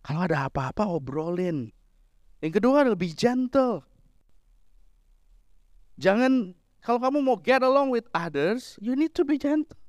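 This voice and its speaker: Middle-aged male pastor, animated joking preacher, slightly high voice, dry recording. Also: no room sound. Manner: lively, mixes Indonesian with English phrases, jokes with the congregation. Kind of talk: sermon.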